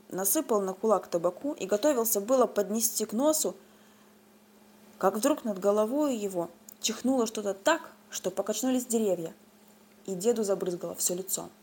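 A woman reading a literary tale aloud with lively storytelling that shifts tone with the scenes. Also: medium pitch, breathy edge.

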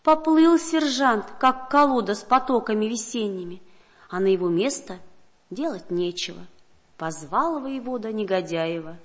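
A woman's voice: medium pitch, moderate pace. A woman reading a satirical folk tale aloud in a storytelling cadence, with occasional slips. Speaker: narrator.

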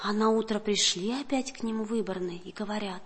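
A woman's voice: medium pitch, brisk. A woman reading a satirical folk tale aloud in a storytelling cadence, with occasional slips. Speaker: narrator.

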